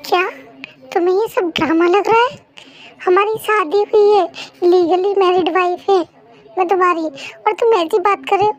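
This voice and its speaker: A chatty, dramatic young wife, as a woman voices her in a fan dub drama. She is quick and indignant, and her voice runs very high, loud and lively. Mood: hurt. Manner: fast, indignant, talkative. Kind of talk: fan Hindi dub role-play.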